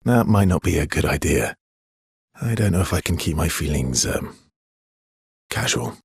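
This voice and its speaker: A video game voice actor plays a brooding yet tender man in naturalistic dialogue, his low voice very husky and breathy, recorded close and dry. He speaks in an understated, halting, intimate way with a gently teasing edge. The performance is expressive and heavily acted, with a hesitant, tender mood.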